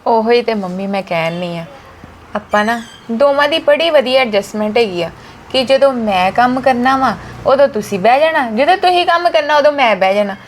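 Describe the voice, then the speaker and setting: A woman's voice: a little high, animated, moderate pace, slight background noise. A young woman playing a chatty, earnest daughter-in-law in a scripted family skit.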